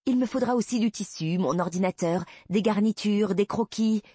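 A sassy young woman, as the narrator puts her on, stubborn and teasing, her voice lifted high and bright. Slightly breathy and dry, like a close storybook read. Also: moderate pace, dry recording, natural voice.

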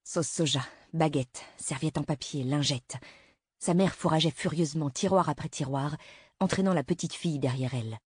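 Female narrator, low husky voice, measured dramatic reading. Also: darkish tone, dry recording, clean studio sound. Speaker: audiobook narrator. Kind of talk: scripted narration.

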